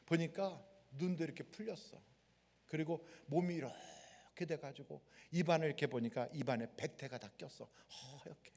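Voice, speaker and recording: A man's voice: a little high, normal speed. A male pastor preaching a sermon and telling stories vividly, acting out the people in them, in a large worship hall. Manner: animated storytelling, acting out the people in his story. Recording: long hall reverb.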